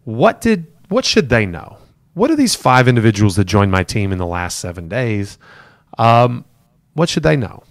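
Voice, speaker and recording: A man's voice: mid-range voice, sing-song, moderate pace, no echo, studio quality. A middle-aged man leading a real estate team, giving a live-streamed talk to new agents in a conversational, emphatic way and repeating his key points. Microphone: camera for a livestream.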